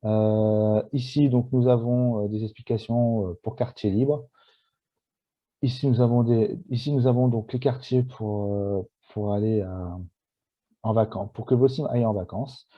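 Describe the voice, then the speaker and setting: Man, nervous, halting, fillers, game walkthrough, lowish voice, dull lo-fi recording. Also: steady tone. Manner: hesitant, many fillers and restarts; nervous, shy. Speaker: gameplay video maker. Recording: dull lo-fi sound.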